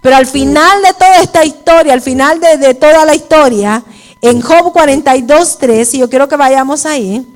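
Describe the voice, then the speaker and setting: A woman's voice: sits high, normal speed. A woman preaching a sermon at a women's church service, mixing personal testimony with preaching and often asking her listeners if they follow. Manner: repeats "¿me entiende?" to the listeners.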